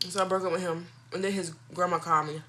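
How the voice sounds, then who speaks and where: A woman's voice: fairly low pitch, fairly even intonation, fast, fairly bright tone, slight background noise. A woman talking casually and candidly to viewers as a video host, giving her opinions in informal, slangy speech.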